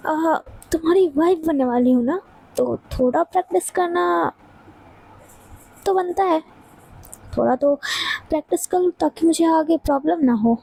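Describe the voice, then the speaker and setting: A woman's voice: high voice, a little slow, pauses often, dark tone, dry recording, poor audio. A woman voicing a cold, bossy young woman who talks in curt, sarcastic commands. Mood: menacing.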